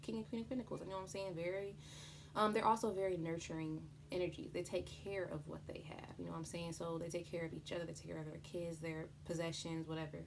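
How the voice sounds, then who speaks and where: A woman's voice: on the low side, flat delivery, fast talker, vocal fry, background noise. A woman giving an unscripted tarot explainer in a chatty, informal way, with slang and free swearing. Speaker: tarot reader presenting a tutorial.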